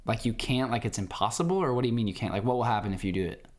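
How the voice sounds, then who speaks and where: A man's voice: lowish voice, lively intonation, racing. Young man, livestream host, casual, rambling, playful, talking to viewers. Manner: rambling, playful, talks to chat.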